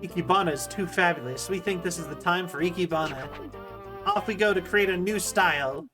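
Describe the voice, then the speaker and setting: A woman's voice: on the low side, fairly quick, lightly acted. Woman putting on pompous, flowery game royalty over music. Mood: grand, theatrical. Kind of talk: reading game dialogue aloud on a livestream.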